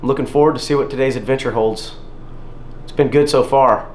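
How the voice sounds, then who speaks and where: A man's voice: medium pitch, steady tone, brisk, a little mellow. A man in his thirties chatting casually to a handheld camera as a travel vlogger, mostly outdoors. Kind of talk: casual vlog talk to camera. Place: mostly outdoors by windy seaside. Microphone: handheld camera at arm's length. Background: wind, music.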